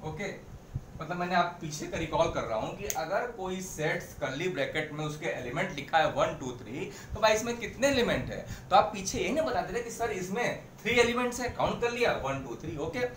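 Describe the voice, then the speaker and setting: A man's voice: high voice, expressive, brisk, fairly bright tone, a little hiss or hum. A man teaching a maths class step by step, repeating key points and mixing English phrases into his explanations. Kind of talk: blackboard maths lesson. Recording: echoey room, mic at a distance.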